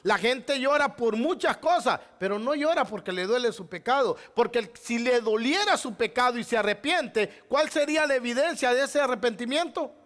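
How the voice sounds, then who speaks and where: A man's voice: very high voice, moderate pace, hardly any pauses, a bit bright. A male pastor preaching a sermon, asking rhetorical questions and addressing the congregation as beloved brother.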